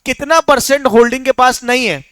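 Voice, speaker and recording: A young man teaching a class, his voice high and smooth. He keeps quizzing the students with rapid questions and slips English terms into the lesson. The recording is close and dry. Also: fairly bright tone, dry recording. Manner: mixes English terms into speech. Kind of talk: classroom lecture.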